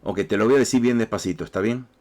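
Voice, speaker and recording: Male pastor, Rioplatense accent, lowish voice, casual repetitive sermon delivery. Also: fast talker, darkish tone. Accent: Rioplatense Spanish. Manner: conversational, repeats words, speaks directly to listeners.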